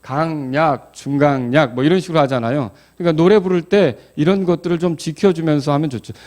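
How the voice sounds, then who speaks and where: Fairly high-voiced pastor teaching class. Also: male voice, a little fast, a little mellow. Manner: explanatory, asks the class questions, claps out rhythms. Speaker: pastor teaching Bible study. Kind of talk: Bible study lesson.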